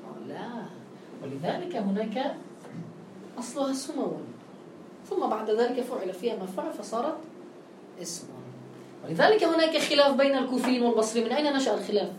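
A woman's voice: fairly high pitch, lively intonation, a little fast, long pauses, noisy background. Echoey woman teaching grammar. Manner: checks understanding with frequent questions and affirmations. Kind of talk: grammar lesson.

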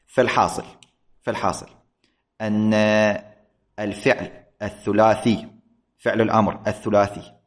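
A man teaching an Arabic grammar lesson, speaking slowly and deliberately and repeating key points. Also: lowish voice, fairly even intonation. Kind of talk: classroom lesson on verb forms.

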